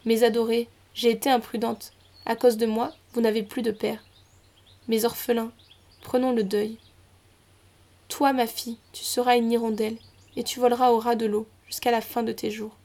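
Give me a woman playing a soft-spoken loving young wife, slightly high and steady. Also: normal speed, lightly acted. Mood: mournful. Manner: soothing, tender. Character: young wife of a river lord, loving and gentle.

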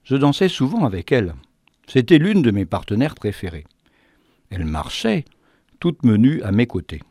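A man telling a fantastic tale in an expressive, theatrical way. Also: medium pitch, normal speed, no room sound, studio quality. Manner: animated, theatrical. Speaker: storyteller.

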